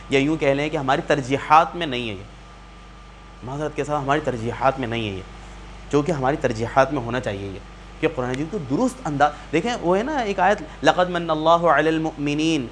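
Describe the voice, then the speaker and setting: A man's voice: fairly high pitch, a bit bright, a little hiss or hum. A man teaching a community Quran class, patiently quizzing students and repeating key points. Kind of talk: classroom lesson.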